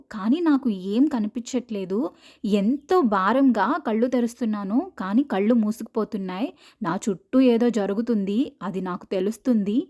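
A woman's voice: mid-range voice, darkish tone. Woman narrating a horror story.

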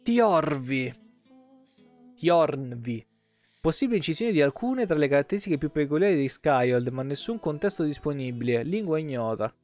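Over game music, a male streamer reads lore aloud, mixing in casual asides and sweary, irreverent live commentary. His slightly high, a little mellow voice has lively intonation and a moderate pace.

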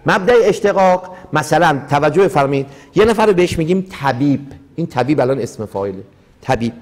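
A man's voice: a little high, lively intonation. A middle-aged man teaching mystical texts in a lecture to a seated audience, full of rhetorical questions and small acted-out dialogues. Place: hall with a live audience.

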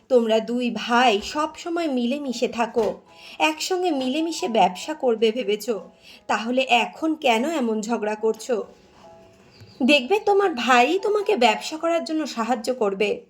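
A woman's voice: on the high side, expressive, unhurried, faint music behind. A woman voicing elderly village neighbors who soothe and advise, in a persuasive tone. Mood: soothing.

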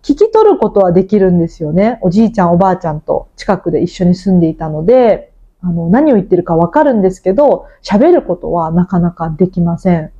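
A woman from Tokunoshima leads a listening-practice lesson with a mellow, warm tone. She explains each point clearly and turns to her listeners with questions. The sound is slightly dull and lo-fi. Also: fairly low pitch, very animated, fast. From Tokunoshima, Japan. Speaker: Japanese teacher and podcast host.

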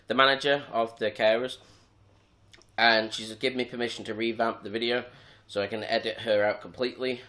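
A young man chats casually in his home vlog. His voice sits at an ordinary middle pitch. He talks in a relaxed, rambling way, often with restarts. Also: a little fast. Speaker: vlogger.

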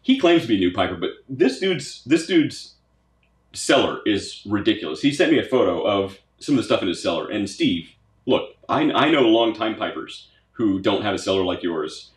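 A man's voice: lowish voice, animated, moderate pace. A man hosting a casual unboxing vlog, talking enthusiastically and repeating his words as he goes through a gift box. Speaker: pipe tobacco channel host. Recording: roomy echoey room sound.

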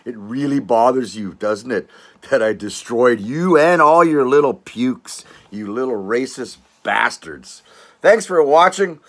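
A man's voice: medium pitch, measured pace. An older man from Canada hosting his own channel, ranting at viewers with sarcastic, mocking scorn, rambling with restarts and tag questions like "eh" and "all right". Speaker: channel host.

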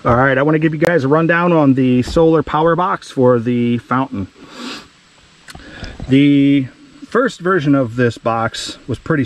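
A man hosting a do-it-yourself video outdoors in a wooded yard, explaining his project in a plain conversational way with fillers, recorded on a body-worn camera. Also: medium pitch. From Ohio. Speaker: DIY outdoors channel host. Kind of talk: casual how-to explanation.

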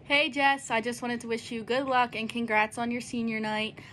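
A woman's voice: on the high side, flat delivery, moderate pace, a bit bright, a little hiss or hum. A woman giving an earnest, encouraging message in long, run-on sentences. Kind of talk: heartfelt recorded video message.

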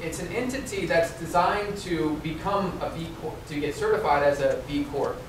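A middle-aged man presents at a conference in a lecture room, speaking conversationally with many ums and quizzing the audience. His slightly high voice moves at a moderate pace. A far room camera with no visible mic captures noisy, echoey audio from a distance.

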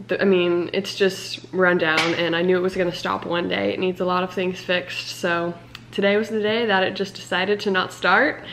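A woman's voice: fairly low pitch, fairly bright tone, slight background noise. A young woman chatting casually in a vlog, giggling often between lines. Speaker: vlogger.

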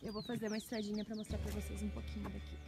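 A woman's voice: mid-range voice, little pitch movement, very fast. Young Brazilian woman vlogging over music. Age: young adult. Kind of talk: casual vlog chat. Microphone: handheld phone.

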